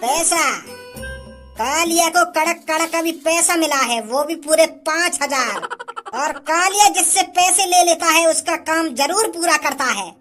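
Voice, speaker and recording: A woman's voice: very high-pitched, measured pace, a bit bright. A woman voicing a cocky, menacing male hired thug in a cartoon who boasts and threatens. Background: music.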